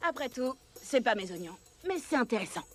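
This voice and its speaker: Une actrice jouant une petite amie effrontée et mal embouchée, au parler cru et agressif, qui exige le respect. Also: female voice, fairly high pitch, sing-song, fairly quick, music in the background. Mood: provocative. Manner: crude, confrontational, slangy. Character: mouthy, brazen, foul-mouthed girlfriend demanding respect. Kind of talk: French-language acted film or series dialogue.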